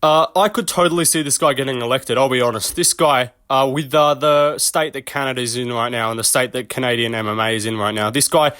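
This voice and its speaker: A man's voice: mid-range voice, fairly even intonation, a little fast, few pauses, fairly bright tone, dry recording, studio quality. Rambling, swearing young man riffing on fighters. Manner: rambling, swears, chuckles at his own jokes. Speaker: MMA commentary channel host. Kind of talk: casual off-the-cuff commentary.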